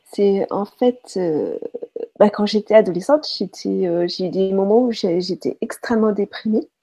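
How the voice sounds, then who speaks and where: A woman in a casual conversation, calmly sharing her own experience in a hesitant, thoughtful way. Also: medium pitch, moderate pace, creaky. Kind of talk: casual chat.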